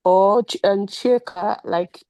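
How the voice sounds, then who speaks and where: A woman's voice: medium pitch, takes it slowly, mellow, no room sound. A woman giving casual, chatty advice on a webinar video call, full of "like" and "just". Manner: chatty, informal, lots of "like" and "just". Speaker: webinar speaker and past program participant.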